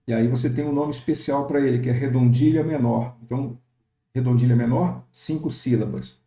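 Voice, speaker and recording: Dark-voiced man teaching in an echoey room. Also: medium pitch, fairly even intonation. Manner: explanatory, frequent pauses and fillers, reads verse examples slowly. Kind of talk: recorded lecture on poetic meter.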